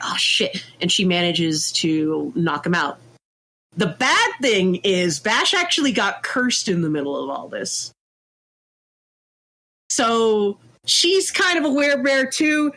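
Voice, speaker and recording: A woman guest on a podcast telling a tabletop game story in an animated, laughing way, often acting out what people said. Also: mid-range voice, slow. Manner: animated, laughing, jumps into quoted voices. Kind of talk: casual storytelling chat.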